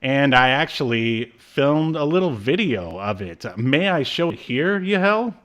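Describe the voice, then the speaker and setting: This podcast host is a man in his thirties with a medium-pitched, sing-song voice that's slightly bright and measured in pace. He keeps the casual chat light, joking and poking fun at himself.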